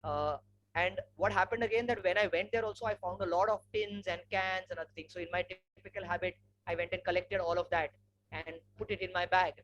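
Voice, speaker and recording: A man with a polished, educated Indian accent and a fairly high voice talks through a slide presentation. He moves conversationally from point to anecdote. The webinar audio carries clear noise and a hum. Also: steady tone, a little fast, fairly bright tone, highs cut off. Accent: educated Indian English. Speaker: webinar speaker, environmental educator and trek leader. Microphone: online webinar microphone.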